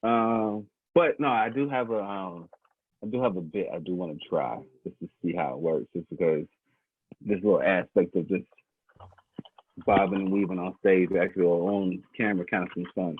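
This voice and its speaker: A man's voice: low voice, moderate pace, husky. A man doing loose, rambling stand-up from his bedroom over a video call, laughing often. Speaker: stand-up comedian. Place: bedroom at home. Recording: tinny phone-like call audio.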